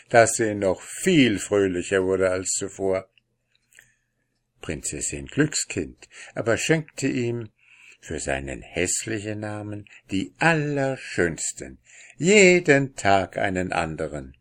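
A man narrating a fairy tale in a calm, measured reading. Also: deep voice.

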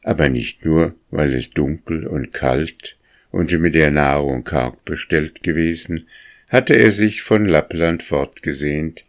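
A man narrating a children's storybook in a calm, measured reading. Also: rumbling low.

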